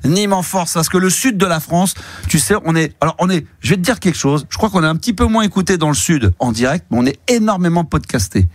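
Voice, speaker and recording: A man's voice: sits high, lively intonation, fast talker, no room sound. A man hosting a late-night radio call-in show, teasing a caller and laughing often. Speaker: radio host.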